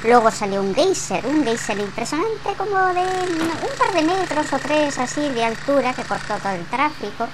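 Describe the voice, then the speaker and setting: A woman from delivers a comic monologue in a high-pitched voice. She tells it in an exasperated, expressive way. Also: normal speed, hardly any pauses, background noise.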